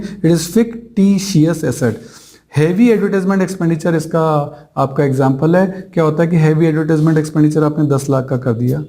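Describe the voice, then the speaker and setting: A man's voice: on the high side, warm tone. A male teacher giving an exam-prep accounting lecture, explaining step by step, mixing English terms into his Hindi and asking rhetorical questions that he answers himself. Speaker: commerce teacher.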